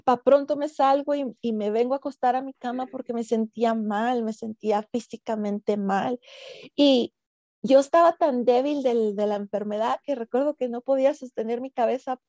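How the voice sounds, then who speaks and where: A woman tells her personal story of faith in a halting way, often repeating words and leaning on fillers. Her voice sits fairly high with a gravelly fry and a dark, mellow tone. The sound is dry and close. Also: no room sound, muffled recording. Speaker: guest giving a faith testimony. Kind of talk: emotional personal testimony.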